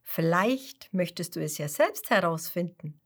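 A woman voicing a thoughtful tiger father in a musing, slow way. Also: on the low side, animated, breathy edge.

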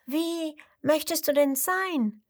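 A woman voicing a small, cheerful young crocodile in a children's storybook, with a high, bright, giggly way of talking. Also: slow, no room sound, studio quality. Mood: gentle. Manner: giggly, gentle.

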